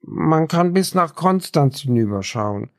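A man voicing a hoarse, lonely young man with a rasping, gull-like diction in an audiobook. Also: a little high, expressive, measured pace, no room sound, clean studio sound, voice pushed up. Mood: eager.

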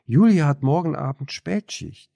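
A man's voice: on the high side, normal speed, creaky, mellow, no echo, pitched above the performer's own voice. A man voicing a determined, cautious young woman in an audiobook. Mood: firm.

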